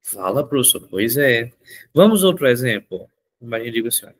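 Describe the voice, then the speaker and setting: A Portuguese teacher from Northeast Brazil walks through a grammar lesson, lively and coaxing, repeating each rule to make it stick. His voice sits at a middle pitch, and he talks a little fast.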